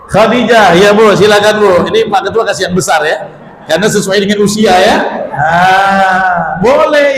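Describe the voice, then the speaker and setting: A man's voice: high-pitched, a little hiss or hum. A man preaching, running a joking quiz with the congregation and teasing and calling out to the crowd in a mosque hall. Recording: echoey hall, faint room ambience.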